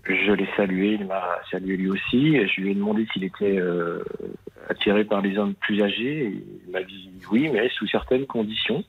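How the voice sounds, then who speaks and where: French male caller, 50, husky, halting and careful, tinny narrowband phone sound. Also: on the low side, fairly even intonation. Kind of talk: personal account, hesitant conversation. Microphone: telephone. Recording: muffled narrowband phone line.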